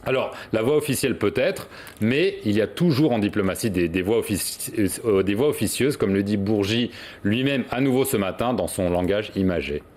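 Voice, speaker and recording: A man with a low voice giving news analysis as a studio journalist. He stumbles, hesitates and repeats words as he explains. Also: expressive, moderate pace, a little mellow.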